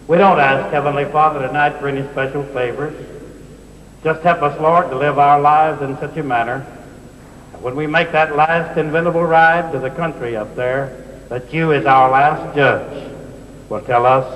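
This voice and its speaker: Rodeo announcer in an echoing arena. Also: male voice, fairly high pitch, a bit bright. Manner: solemn, measured. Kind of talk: public prayer over a PA. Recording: echoey arena PA, dull.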